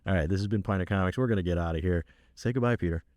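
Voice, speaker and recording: A man hosting a radio show, chatting casually with a guest, laughing often and filling pauses with restarts. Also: sits low, a little mellow, no room sound, studio quality. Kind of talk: casual radio interview chat. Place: radio studio.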